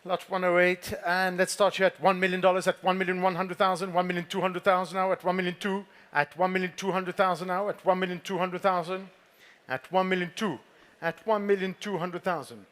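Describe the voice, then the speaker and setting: Male fine art auctioneer, high register, formal and composed, repeating bids and courteously nudging bidders during a live sale. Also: little pitch movement, a little fast, a bit bright. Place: auction saleroom with bidders present.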